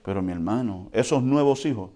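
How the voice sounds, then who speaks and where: A man preaching a sermon in a conversational way, often checking in with the congregation and swinging between quiet and loud. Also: fairly low pitch, brisk. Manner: lively swings between soft and loud, with chuckles. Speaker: pastor.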